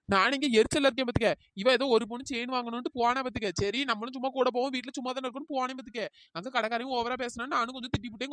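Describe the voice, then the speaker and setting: A woman voicing a hot-tempered, argumentative village woman who shouts insults in a cartoon. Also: a little high, no room sound, natural voice. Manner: loud, abusive, argumentative. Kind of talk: cartoon voice acting.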